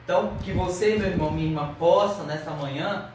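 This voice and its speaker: A high-voiced man teaches a Sunday Bible lesson, earnestly pressing his class with question after question. He sounds far from the microphone in a very reverberant church hall, with a faint hiss underneath. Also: brisk, darkish tone. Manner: earnest, exhorting with rhetorical questions. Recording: very echoey, distant mic, faint noise.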